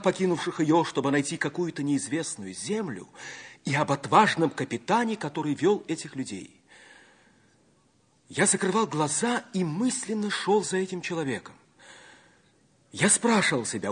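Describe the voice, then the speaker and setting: A man's voice: fairly high pitch, slightly rough. An actor playing an earnest, romantic young man in a theatrical old radio drama style. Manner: theatrical, declamatory, expressive. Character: Sanya, earnest, romantic young man telling his life story.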